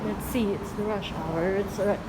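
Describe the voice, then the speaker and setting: A woman's voice: mid-range voice, fairly even intonation, normal speed, heavy background noise. A woman chatting unhurriedly to her camera during a casual commute vlog on public transport. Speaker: vlogger. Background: loud background music.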